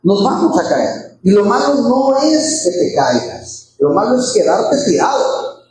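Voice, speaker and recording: A man's voice: high-pitched, very animated, measured pace, a little mellow. A man preaching a Sunday sermon, fervent and repeating his phrases, calling his listeners brothers. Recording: very echoey hall, faint background noise.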